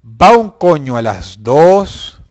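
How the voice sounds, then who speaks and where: A man hosting a casual live chat with viewers, animated and profane, breaking into shouts. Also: fairly high pitch, slow, lo-fi sound. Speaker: online show host.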